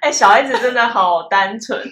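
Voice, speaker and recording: A woman with a Taiwanese Mandarin accent hosting a podcast, reacting with quick short agreements and comments. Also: a little high, pushed and bright. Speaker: podcast host. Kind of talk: casual podcast chat. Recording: echoey, slight noise.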